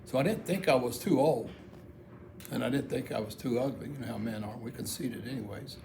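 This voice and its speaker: A man's voice: mid-range voice, fairly quick. A middle-aged or older American man tells a personal story in a plain-spoken, folksy, casual monologue. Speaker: amateur video storyteller. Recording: clearly audible background noise.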